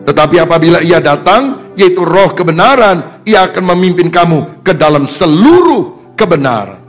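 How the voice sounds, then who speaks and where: A man, a pastor preaching a sermon in a lively way, putting on voices for the people in his stories. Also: fairly high pitch, normal speed, faint music behind. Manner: animated, acts out quotes in changing tones.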